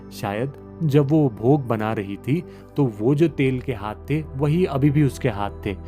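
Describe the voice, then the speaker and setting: A man's voice: medium pitch, warm tone. A man telling a devotional moral story in an earnest, moralizing manner.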